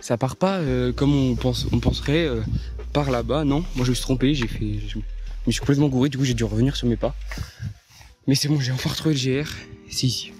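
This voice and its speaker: A young man films himself on a mountain trail and talks to his viewers in a loose, rambling way full of fillers and restarts. He sounds tired and low on spirits. It is recorded on a handheld phone out of doors. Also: fairly quick, darkish tone, faint music behind. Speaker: hiking vlogger. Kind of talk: casual vlog to camera while trekking.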